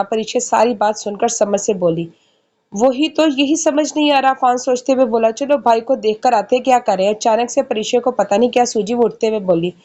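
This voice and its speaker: A woman's voice: a little high, darkish tone. A woman reading a romance novel aloud, voicing each character's dialogue herself with small shifts in tone. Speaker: novel narrator.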